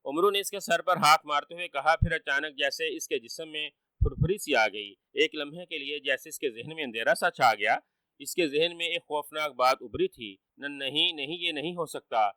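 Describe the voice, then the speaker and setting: A man narrating a children's story in a steady, measured manner, recorded on a distant dry mic. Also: on the high side, no room sound.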